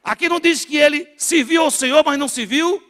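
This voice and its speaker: Nordeste brazilian pastor guy, high voice, loud then quiet, church hall echo. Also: a little fast. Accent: Northeastern Brazilian. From Natal, northeastern Brazil. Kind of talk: sermon to a congregation. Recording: long hall reverb in a church.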